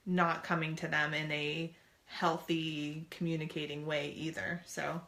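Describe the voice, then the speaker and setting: A woman's voice: low voice, level tone, measured pace, fairly bright tone. A woman co-hosting a family talk show, chatting earnestly and putting on playful voices for quotes. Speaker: co-host. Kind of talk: casual chat.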